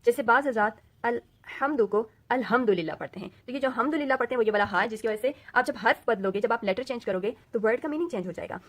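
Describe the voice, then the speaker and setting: A woman teacher with a fairly high voice leads a recorded Quran reading lesson. She explains slowly and patiently, dropping English words into her teaching. She repeats each letter sound again and again so learners can copy it.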